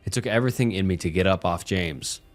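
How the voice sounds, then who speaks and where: Deep-voiced man narrating a horror story. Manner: steady, measured first-person storytelling. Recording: soft music underneath.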